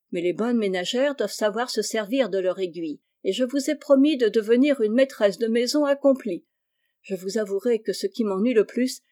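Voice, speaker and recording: Woman narrator doing a bright, eager orphan girl; lively and teasing, storybook read-aloud. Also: fairly high pitch, natural voice.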